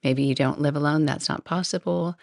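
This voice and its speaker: A woman's voice: sits low, steady tone, fairly quick, gravelly, dry recording, clean studio sound. A woman hosting her own podcast, groggy and half awake, talking loosely and unprepared with laughs and restarts. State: groggy, just woken up. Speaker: podcast host. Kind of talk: casual solo podcast talk.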